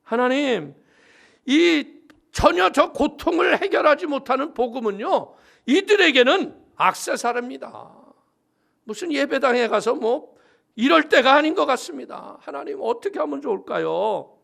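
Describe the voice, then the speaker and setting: A young male preacher pleads with God in earnest prayer, as a pastor acts him out in his sermon. The voice is high and bright, with a gravelly edge. It rises and falls a great deal. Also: expressive, moderate pace, full character voice. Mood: pleading.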